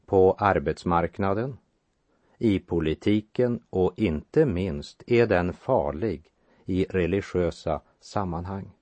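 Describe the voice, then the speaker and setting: A man giving a measured sermon that explains Bible passages and reads verses aloud. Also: deep voice, no room sound. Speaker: preacher. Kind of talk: radio sermon, Bible exposition.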